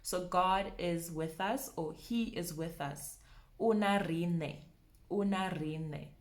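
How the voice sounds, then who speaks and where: A young woman teaching name pronunciation, saying each word slowly and repeating it, laughing often. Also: on the low side. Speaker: language teacher. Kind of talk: pronunciation lesson.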